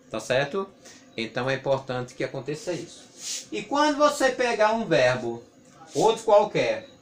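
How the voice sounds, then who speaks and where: In a classroom grammar lesson, a man with a slightly high voice and a Brazilian Portuguese accent teaches English. He asks rhetorical questions and patiently repeats his points.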